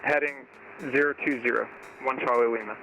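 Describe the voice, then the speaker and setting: A man's voice: mid-range voice, steady tone, brisk, vocal fry, sharp tone, soft background music, rough recording. A man talking as a pilot over a cockpit headset radio, reading back tower instructions in clipped, procedural phrasing. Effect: pilot voice heard over a cockpit headset radio. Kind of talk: radio readback in aviation phrasing.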